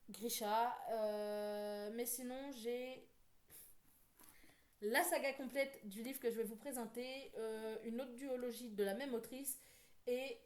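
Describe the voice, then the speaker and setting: A woman book vlogger talking casually, rambling with many fillers and quick self-corrections. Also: on the high side, steady tone. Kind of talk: casual chat.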